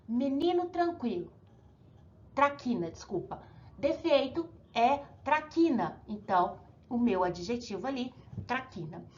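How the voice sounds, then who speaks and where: A woman's voice: a little high, big pitch swings, darkish tone, lo-fi sound. A Brazilian woman teaching young pupils, drawing out example words and checking in with them often. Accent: Brazilian Portuguese. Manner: sing-song, drawn-out words, many check-ins. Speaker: primary school teacher. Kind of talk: recorded classroom lesson for children.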